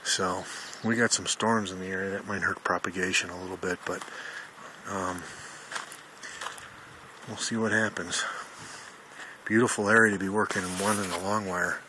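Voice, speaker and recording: His low-pitched voice stays fairly even, moving at a moderate pace broken by long pauses. Outdoors among wooded mountains, he casually shows his radio hobby setup on a handheld camera, rambling in a folksy manner over noisy sound.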